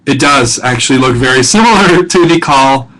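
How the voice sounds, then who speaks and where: A man's voice: medium pitch, expressive, normal speed, a bit bright, low-quality recording. A middle-aged male professor talking students through a grammar lesson, casual and self-correcting, with many fillers and check-ins. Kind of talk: recorded lesson narration.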